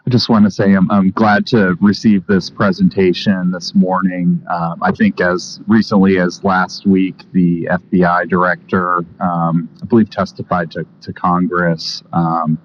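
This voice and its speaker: A man making measured, somewhat hesitant remarks and questions as a member of a committee. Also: low voice, little pitch movement. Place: indoor committee meeting. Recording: dull, noisy meeting-room audio.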